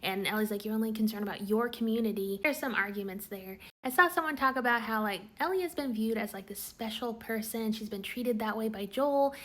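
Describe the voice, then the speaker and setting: A woman recapping a TV episode in a casual, chatty way, full of "like" fillers and quick quoted lines. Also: a little high, a bit bright. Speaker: TV recap vlogger.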